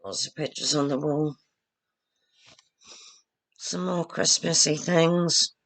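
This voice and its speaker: A vlogger talks to her viewers from home, rambling and poking fun at herself as she carries her phone camera around the room. Her voice is low, steady and fairly bright, and she speaks slowly. The sound comes from a phone or laptop camera rather than a proper webcam.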